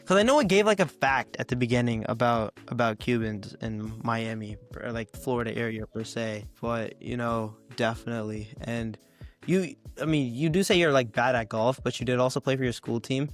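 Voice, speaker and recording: A man from Memphis hosting a podcast interview, chatting in a rambling, slangy way with a slightly hoarse throat. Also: mid-range voice, moderate pace, faint music behind. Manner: rambling, slangy, many restarts. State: hoarse, cough. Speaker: podcast host. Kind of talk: casual interview chat.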